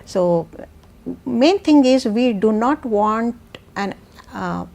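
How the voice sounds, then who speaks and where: A woman's voice: on the high side, expressive, slow pace, vocal fry, dark tone. A woman with a South Indian accent giving a methodical, point-by-point explanation as an education expert on a panel. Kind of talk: explanatory panel talk answering questions.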